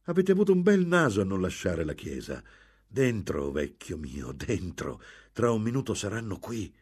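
A man's voice: deep voice, sing-song, normal speed, slightly rough, exaggerated voice. A man voicing a sly, cool-headed nobleman who talks in a wry, conspiratorial way.

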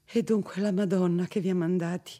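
A man's voice: sits high, steady tone, brisk, dark tone, pitched above the performer's own voice, natural voice. Lucia, a frightened young captive woman, voiced by a man. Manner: fearful, trembling.

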